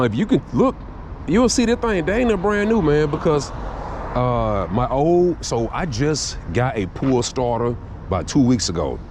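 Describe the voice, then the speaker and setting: A man's voice: mid-range voice, darkish tone, slight background noise. A man hosting a casual vlog from a minibike ride outdoors, talking in a laid-back, slangy way straight to his viewers. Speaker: vlogger host. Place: outdoors around town.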